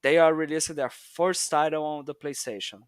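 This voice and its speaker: A man's voice: on the high side, steady tone, moderate pace, smooth, dry recording, clean studio sound. A man on a gaming podcast panel, leading the topic and telling it like a story in casual chat. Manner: leads the topic, storytelling with restarts.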